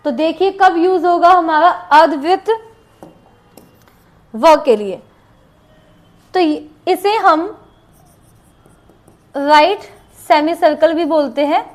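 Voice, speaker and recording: Lady teacher, high voice, takes it slow, says every example word twice. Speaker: shorthand teacher. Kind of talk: classroom lesson with board writing.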